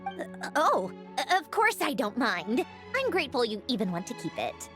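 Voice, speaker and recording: Prickly, easily exasperated young woman for a game; highish voice, dramatic swings, grudging politeness. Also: wildly swooping pitch, normal speed, over music. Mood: reserved, polite. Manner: sardonic, huffy, hesitant. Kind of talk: video game voice acting.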